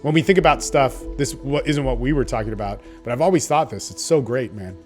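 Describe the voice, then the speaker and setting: A man's voice: mid-range voice, brisk, darkish tone, faint music behind. A man giving informal coaching advice in a confident, salesy, casual way, often checking in with "right?". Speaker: dating coach.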